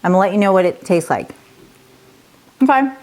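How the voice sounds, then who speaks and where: A woman's voice: medium pitch, animated, brisk, darkish tone. A middle-aged woman hosting a health channel, talking straight to the camera in a direct, persuasive way and asking her viewers questions. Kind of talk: casual health talk to camera.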